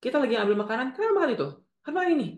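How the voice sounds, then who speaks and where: A woman voicing a harsh, dismissive mother who scolds her child in a shrill, nagging way, in a roomy echoing space. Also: expressive, racing, a little mellow.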